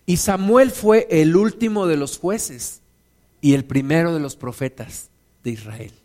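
High-voiced preacher. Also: male voice, measured pace, a little mellow. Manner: folksy, acts out biblical figures. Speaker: pastor. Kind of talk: sermon.

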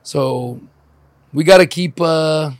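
A man's voice: fairly high pitch, takes it slowly, no echo. A man hosting a casual chat, loose and friendly, often tossing in "man" and "you know what I mean.". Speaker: podcast host.

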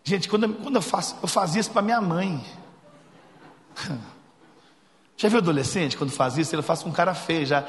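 A man's voice: fairly high pitch, moderate pace, long pauses. A man preaching a sermon, telling a funny story and acting out the dialogue. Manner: jokey, animated, acts out dialogue. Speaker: pastor. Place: church sanctuary. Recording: reverberant church hall.

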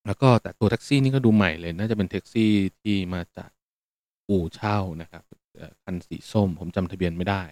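A man hosting a podcast, telling a personal story in a relaxed, meandering way with fillers. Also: low-pitched, brisk, no echo. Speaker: podcast host. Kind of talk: casual spoken storytelling.

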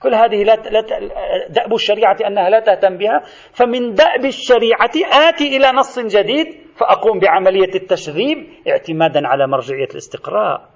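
A man's voice: sits high, fast talker, gravelly, lo-fi sound. A man lecturing to students in a recorded lesson, explaining step by step and addressing them directly.

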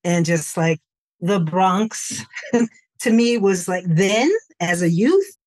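A podcast guest from New York, USA, speaks in a lowish voice at a slow pace. She tells stories in a relaxed way during a conversational interview, often saying "like" and "you know."

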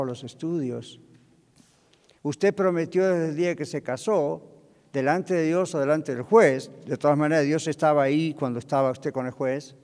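Older male preacher, emphatic and anecdotal, somewhat high-pitched, recorded with a long hall echo. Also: a little mellow. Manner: storytelling preacher, acting out dialogue, emphatic. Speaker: pastor. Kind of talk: sermon.

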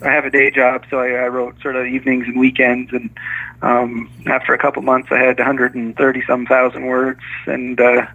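A man's voice: medium pitch, monotone, normal speed, sharp tone. Hesitant man on a tinny phone line. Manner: hesitant, many restarts and small laughs. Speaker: author and guest. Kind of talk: casual interview chat.

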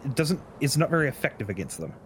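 A man's voice: medium pitch, very animated, fast, a bit bright, a little hiss or hum. A man acting as game master, narrating a tabletop role-playing game in an easygoing way and laughing often.

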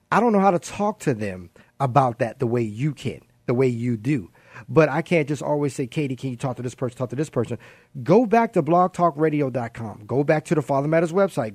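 A man's voice: mid-range voice, a little mellow, no echo. A man hosting a radio interview, talking in a chatty, enthusiastic way. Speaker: radio host.

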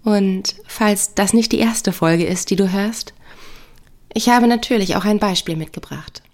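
A woman who works as a counselor and couple therapist, talking calmly and reflectively in a podcast monologue. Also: medium pitch. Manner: calm, measured, reflective.

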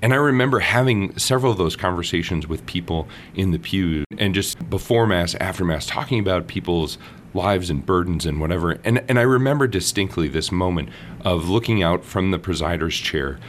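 A man's voice: sits low, fairly quick, a little hiss or hum. A man from Minnesota, a priest and podcast guest, telling stories casually and acting out the voices he quotes with laughs. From Minnesota, United States. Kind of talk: casual storytelling interview.

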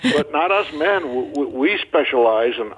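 A man's voice: on the high side, moderate pace, slightly rough. An older man talking as a guest on a radio interview, folksy and joking as he tells stories. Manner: folksy, joking, animated storyteller. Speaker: guest marriage counselor. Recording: tinny phone-line sound.

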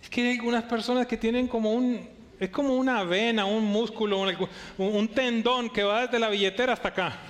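A man's voice: extremely high pitch, steady tone, a little fast, few pauses, slight background noise. A middle-aged male pastor preaching a sermon, emphatic, asking the church rhetorical questions.

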